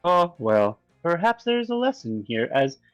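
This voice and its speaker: A man's voice: a little high, very animated, normal speed, fairly bright tone, dry recording, dull audio, soft background music, voice pushed up. A man voicing a polite, anxious male robot with stiff, formal diction in a voice-acted game playthrough. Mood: fretful.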